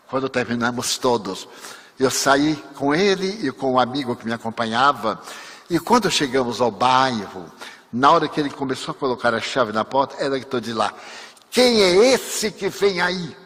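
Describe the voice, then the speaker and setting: A man's voice: mid-range voice, moderate pace, a bit bright. An older man, a spiritist speaker, telling a story in a lecture and acting out the dialogue, in a large hall. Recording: long hall reverb.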